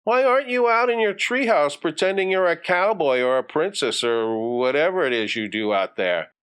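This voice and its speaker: A man's voice: fairly high pitch, lively intonation, normal speed, fairly bright tone, smooth, pitched above the performer's own voice. A man voicing a dismissive young sister in a storybook, smirking like a know-it-all. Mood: smug, dismissive. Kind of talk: storybook character voice.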